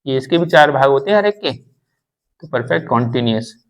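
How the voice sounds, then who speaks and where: A man's voice: mid-range voice, expressive, fairly quick, low-quality recording. A man teaching English grammar in a classroom lesson, repeating terms and reassuring learners. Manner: repetitive, reassuring explanations.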